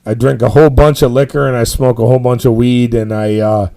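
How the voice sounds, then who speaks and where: A man's voice: mid-range voice, flat delivery, fast talker, warm tone. A middle-aged man hosting a powerlifting live stream, telling stories in a rambling, profane, emphatic way. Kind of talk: casual storytelling chat.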